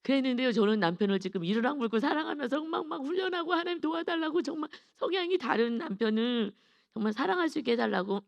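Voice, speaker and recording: A woman's voice: high-pitched, quick pace, creaky, dry recording. A middle-aged woman pastor giving an earnest, confessional dawn sermon with emphatic stresses.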